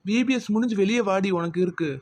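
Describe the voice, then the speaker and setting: A woman's voice: mid-range voice, fast talker, a little mellow, close to an everyday voice. A woman playing a quarrelsome child who angrily threatens a classmate. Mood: angry. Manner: angry, threatening.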